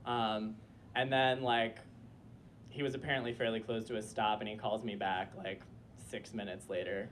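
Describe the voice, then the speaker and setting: A young storyteller speaking on the low side, in a level, fairly bright tone at normal speed, recounts a humorous personal story for a live club audience on a small stage. There's a little hiss or hum. He's chatty, full of "like," laughs frequently, and mentions a friend saying he sounds like a disappointed mom.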